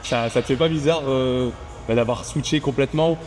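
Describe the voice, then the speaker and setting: Relaxed man asking casual questions. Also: medium pitch, normal speed, soft background music. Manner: relaxed, lots of fillers. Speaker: interviewer, fellow content creator. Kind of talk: casual conversation.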